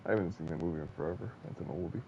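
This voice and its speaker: A man's voice: deep voice, very fast, creaky, dull audio. A man streaming a racing game, chatting casually with crude jokes and plenty of swearing. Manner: crude joking banter, swears freely. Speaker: gaming streamer. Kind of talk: casual chat while racing. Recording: noisy game-stream audio.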